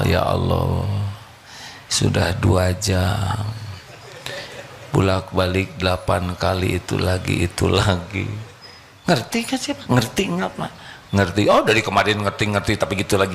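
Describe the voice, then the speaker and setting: A man delivers a live sermon, joking with the congregation and quizzing them. His voice is low and gravelly, and he speaks at an unhurried pace, with faint room ambience behind him. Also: a little hiss or hum. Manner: humorous, quizzes the audience. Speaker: preacher. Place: live religious gathering.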